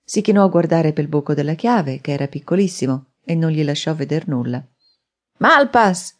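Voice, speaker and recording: Woman narrator, low mellow voice, dramatic thriller reading. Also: fairly quick. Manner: dramatic, steady storytelling. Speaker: audiobook narrator. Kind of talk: scripted narration.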